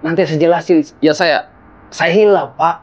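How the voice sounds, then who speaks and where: A man's voice: a little high, fairly even intonation, normal speed, highs cut off, lightly acted. A young man playing a son-in-law who apologizes and pleads with his angry father-in-law in a film. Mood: pleading. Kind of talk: low-budget film acting.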